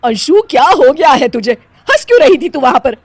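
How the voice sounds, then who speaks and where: A woman's voice: mid-range voice, moderate pace, slight background noise, natural voice. Woman doing a bossy scolding mother-in-law. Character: strict scolding middle-aged mother-in-law.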